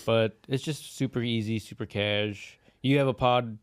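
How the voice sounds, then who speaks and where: A man's voice: medium pitch, fairly even intonation, normal speed, clear, resonant tone, no room sound. A man hosting a comedy podcast in a studio, friendly and casual, laughing a lot and calling his guest dude and man. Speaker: podcast host.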